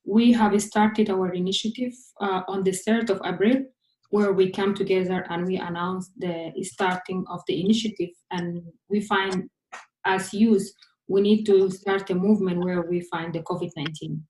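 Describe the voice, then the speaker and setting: A woman opens proceedings as host, delivering a formal welcome in a mid-range voice. She pauses often with hesitant fillers between phrases. Her voice rings around a roomy, echoey space. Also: mid-range voice, steady tone, darkish tone. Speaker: host and moderator. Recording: roomy echo.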